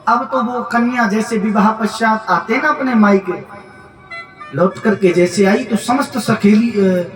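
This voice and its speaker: A man with a very high voice delivers a devotional sermon, voicing the people in his parable as he tells it. He sounds distant from the mic, in an echoey hall with clear music underneath. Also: unhurried. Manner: acts out dialogue of a parable, chants a verse. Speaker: preacher and storyteller. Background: background music.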